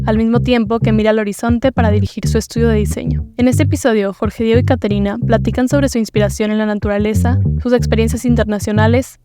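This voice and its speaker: A woman reading a scripted introduction to a podcast episode in a brisk, polished way. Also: a little high. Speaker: show announcer. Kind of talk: scripted narration. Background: music.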